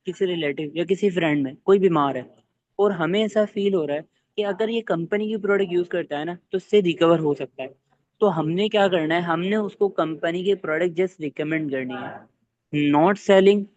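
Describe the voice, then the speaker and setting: A man leading an online training session for his team, talking fast and quizzing listeners with either-or questions. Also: on the high side, a little mellow, no echo, highs cut off.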